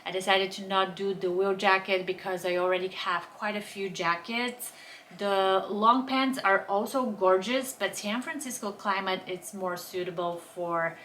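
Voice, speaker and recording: With a medium-pitched, fairly bright voice over slight background noise, a young Bulgarian fashion vlogger chats enthusiastically through a casual haul and try-on, describing products in a chatty way.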